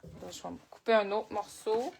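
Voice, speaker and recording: A woman's voice: medium pitch, moderate pace, vocal fry, darkish tone, a little hiss or hum. A woman with a Québécois French accent leading a live crafting tutorial, chatting and thinking aloud as she works. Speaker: crafting instructor.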